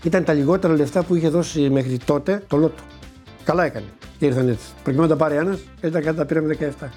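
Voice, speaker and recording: With soft music in the background, an older man in a fairly high, mellow voice shares a personal anecdote with an interviewer about his lottery win. He acts out the exchanges and, when moved, stumbles over repeated words.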